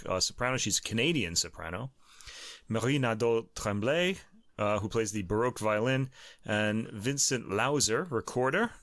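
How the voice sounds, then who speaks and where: A man with a lowish, bright, forceful voice talks casually as a podcast co-host. He halts and restarts often, stumbling over foreign words and laughing it off. The sound is dry and close. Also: dry recording. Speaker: co-host of a classical music podcast.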